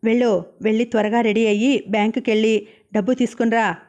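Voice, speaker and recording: A woman's voice: on the high side, steady tone, brisk, darkish tone, natural voice. A woman voicing an ambitious, domineering young husband who talks in a demanding, brusque way.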